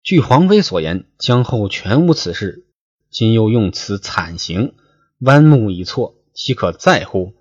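A man's voice: lowish voice, big pitch swings, unhurried, slightly rough, dry recording, heavily acted. Indecisive storybook emperor, voiced by a man, slightly raised and worried, dull lo-fi recording. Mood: troubled. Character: weak, indecisive ancient king.

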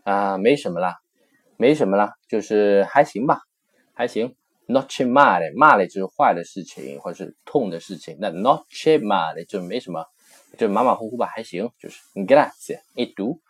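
Low-voiced man explaining a language lesson. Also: lively intonation, moderate pace, breathy edge. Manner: patient, repeats phrases several times while explaining; mixes in English comparisons. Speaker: Italian language teacher. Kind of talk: recorded textbook lesson explanation.

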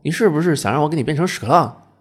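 A man's voice: lowish voice, animated, a little fast, darkish tone, husky. A man voicing a female angel, a heavenly secretary who talks in an impatient, exasperated way and swears.

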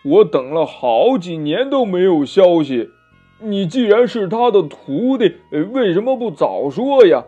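A man's voice: high-pitched, sing-song, measured pace, mellow, slightly rough, voice pushed up, full character voice. Zhu Bajie, a man doing a whiny pig demon. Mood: aggrieved. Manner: wheedling, whiny, full of filler grunts. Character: greedy boastful pig demon, male. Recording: dull lo-fi recording with faint music.

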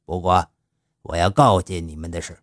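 A man's voice: low-pitched, fairly even intonation, no echo, clean studio sound, natural voice. A man doing a shrewd old gang boss. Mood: advising. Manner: slow, measured, fatherly. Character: shrewd older male gang boss, foster father.

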